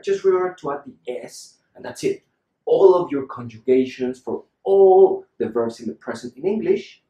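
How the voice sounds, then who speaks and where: A man's voice: mid-range voice, a little mellow, reverberant. A man teaching English pronunciation in a patient lesson style, repeating example words for the learner to copy.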